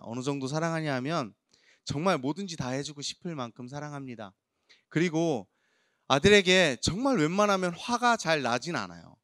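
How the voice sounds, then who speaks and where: A man's voice: medium pitch, no room sound, studio quality. A man in his thirties preaching a youth sermon in church, telling stories and asking the congregation questions. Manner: warm storytelling with audience questions. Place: church hall.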